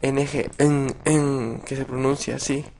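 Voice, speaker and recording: A man teaching a casual video lesson, patient and halting, with many restarts and repeated words. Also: mid-range voice, little pitch movement, creaky, a little mellow, a little hiss or hum. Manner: patient, addresses viewers directly. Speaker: language teacher.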